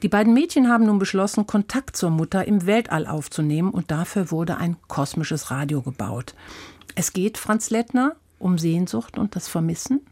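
A woman hosts a radio book program, introducing titles and putting composed questions to a critic. Her voice is fairly low and mellow. It is recorded dry in a studio, with no room sound. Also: animated, moderate pace, no echo. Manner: composed, asks short questions. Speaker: radio host.

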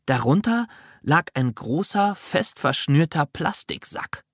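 A reader narrating a children's audiobook in an expressive, lively way. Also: medium pitch, slow pace, breathy edge, dry recording, clean studio sound.

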